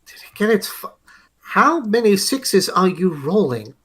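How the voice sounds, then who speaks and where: Man, tabletop player, bright tone, animated pitch, slow hesitant delivery. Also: husky. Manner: hesitant, lots of fillers, swears playfully. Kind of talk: casual tabletop game play.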